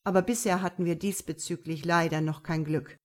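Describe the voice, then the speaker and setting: A woman's voice: lowish voice, steady tone, fairly quick, darkish tone, lightly acted. A woman reading an audiobook, voicing a male police investigator in a formal, matter-of-fact way.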